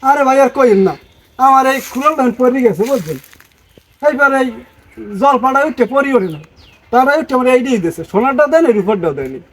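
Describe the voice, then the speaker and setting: A man's voice: very high-pitched, big pitch swings, quick pace, a bit bright, heavily acted. An actor playing a simple, panicky village woodcutter who stammers as he speaks. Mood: flustered. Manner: flustered, stammering. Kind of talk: comic folk-tale acting.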